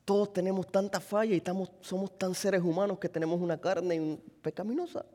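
A male pastor delivers a sermon in a church, asking his listeners questions and acting out short quoted lines. His voice sits high for a man. The sound rings with a long hall reverb. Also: steady tone, fairly quick, warm tone. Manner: preaching with acted quotes and rhetorical questions.

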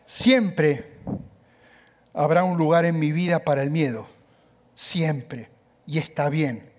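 A male pastor preaching a sermon, emphatic and conversational, with quick asides to the congregation. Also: fairly high pitch, a little mellow.

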